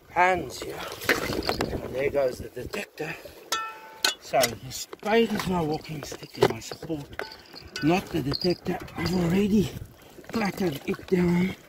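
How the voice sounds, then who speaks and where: A man wading through the sea among rocks, rambling aloud in a chatty, self-mocking stream of commentary. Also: a little high. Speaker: metal-detecting vlogger. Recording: outdoor recording with loud water noise.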